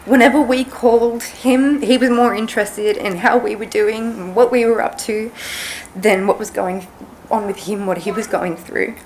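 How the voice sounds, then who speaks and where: A woman's voice: a little high, steady tone, a little mellow, slight background noise, low-quality recording. A young woman reading a tender family eulogy at a funeral service into a podium microphone. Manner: slow, tender, emotional.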